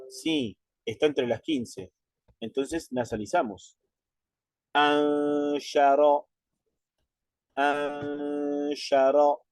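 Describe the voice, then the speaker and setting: A man leads a step-by-step recitation lesson at an unhurried pace, patient and methodical. He checks in with his students and stretches out the sounds as he models them. His mid-range voice is recorded dry and close. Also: medium pitch, dry recording. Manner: slows way down to model drawn-out pronunciations. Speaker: Quran recitation teacher.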